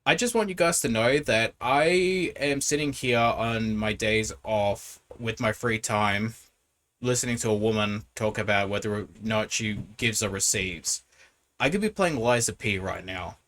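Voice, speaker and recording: A man's voice: fairly low pitch, a little slow, fairly bright tone. A man hosting a reaction video, giving casual commentary in a critical, explanatory way.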